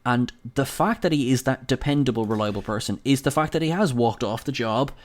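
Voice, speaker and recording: A man with an Irish accent co-hosting a film podcast in casual chat, animated, acting out imagined dialogue and swearing now and then. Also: medium pitch, a little fast. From Ireland. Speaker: podcast co-host.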